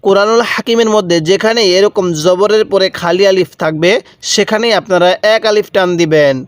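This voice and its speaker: A man's voice: high-pitched, steady tone, no room sound. A man teaching Quran letter reading step by step, patiently repeating and drawing out each syllable. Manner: patient, repetitive, drawn-out syllables. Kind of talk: step-by-step recitation lesson.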